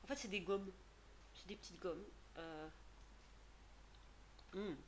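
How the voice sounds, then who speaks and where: A woman's voice: mid-range voice, takes it slowly. Chatty woman in a noisy home haul video. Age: 30s. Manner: chatty, hesitant, many fillers and restarts. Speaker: beauty vlogger.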